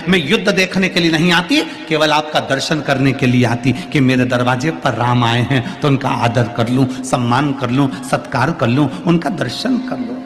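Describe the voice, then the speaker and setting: A man's voice: on the high side, fairly bright tone, close to an everyday voice. A man voicing a devout grieving queen. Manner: speaks her own lines in quoted dialogue. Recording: long hall reverb, faint music.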